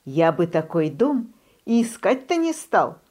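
A woman voicing a fussy, sensible grown forest hare who talks briskly and scolds, in a children's storybook reading. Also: lowish voice, big pitch swings, a little mellow. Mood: scolding.

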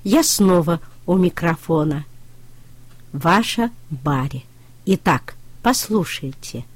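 A woman reading a children's story aloud in a slow, expressive storytelling style, close to the microphone. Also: lowish voice, dry recording.

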